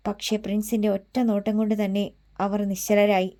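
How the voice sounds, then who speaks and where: Woman, audiobook narrator, steady storytelling, warm mellow voice. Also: mid-range voice, moderate pace.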